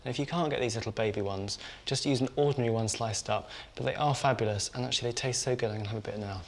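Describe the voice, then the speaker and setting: Male cooking host, mid-pitched, chatty kitchen demo, clear kitchen noise behind. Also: fast. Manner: chatty, talks while cooking and tasting. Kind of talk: cooking demonstration.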